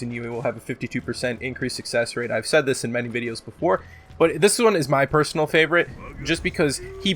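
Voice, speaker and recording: A video host doing gaming commentary, a man with a medium-pitched voice and a sore throat, rambles through an unscripted countdown, casual and sprinkled with swearing and slang. Loud music plays behind him, and there's slight background noise.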